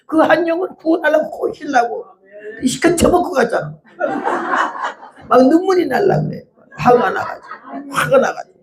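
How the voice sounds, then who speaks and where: Elderly woman missionary in her 80s, blunt and animated, testimony sermon. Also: a little high. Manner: blunt, animated storytelling with acted-out quotes. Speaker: missionary preacher.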